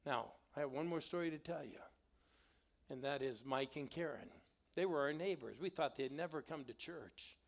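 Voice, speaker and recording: A man's voice: on the high side, normal speed, creaky. A middle-aged man, a guest pastor, tells stories in a sermon and calls on the congregation to answer back. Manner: animated, calls on the congregation to respond. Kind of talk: storytelling sermon. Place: church sanctuary.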